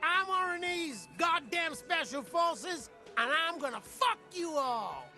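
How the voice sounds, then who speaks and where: An actor playing a crude, excitable male dockworker in a video game. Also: extremely high pitch, slow pace, soft background music, exaggerated voice. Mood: agitated. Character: agitated male dockworker barfly storyteller.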